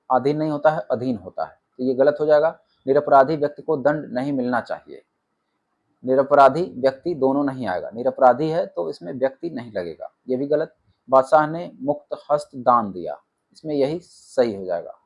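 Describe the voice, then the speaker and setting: Husky man rattling off quiz answers. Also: mid-range voice, muffled recording. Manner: reads options, then states the answer flatly. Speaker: exam coaching teacher. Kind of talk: rapid-fire quiz answer walkthrough.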